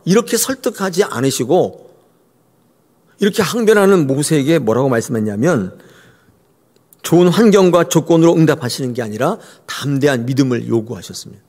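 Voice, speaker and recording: A man's voice: fairly high pitch, lively intonation, a little fast, darkish tone. A male pastor preaching a sermon expressively and addressing the congregation directly. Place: church. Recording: long church hall reverb.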